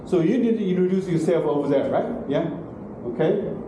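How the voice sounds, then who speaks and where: Recorded by a distant room camera in a large classroom, this clip is very echoey and noisy. The speaker is a middle-aged man with a fairly high, animated voice who talks fairly quickly, delivering a university lecture in broken English and frequently asking "okay?" and "right?".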